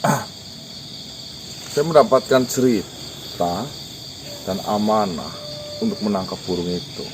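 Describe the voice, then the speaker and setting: A man's voice: lowish voice, expressive, slow, pauses often. A man hosting an encounter, talking politely and apologetically but insisting on his point. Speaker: host of supernatural encounters. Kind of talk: casual spoken dialogue. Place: outdoors at night. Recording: outdoor night recording with insect noise. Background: crickets and insects.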